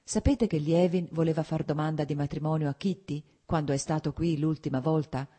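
A woman voicing a sensible married daughter who speaks quietly and dryly, with a husky voice. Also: deep voice, steady tone, fairly quick. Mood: confiding.

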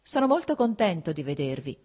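A woman's voice: low-pitched, big pitch swings, fairly quick, a little mellow. A woman reader voicing a stiff, cold middle-aged official who answers curtly. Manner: curt, dry.

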